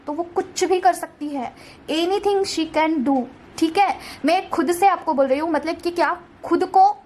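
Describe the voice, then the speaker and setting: A young woman giving a casual, reassuring tarot card reading, mixing English words into her Hindi. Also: very high-pitched. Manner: gentle, reassuring, keeps saying "theek hai".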